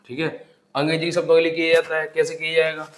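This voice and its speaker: A man's voice: a little high, monotone, fast. A man teaching Hindi grammar for an exam-prep class. He asks the class questions, answers them himself and drills each term by repeating it. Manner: calls the students "bhai", drills terms by repetition. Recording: echoey room.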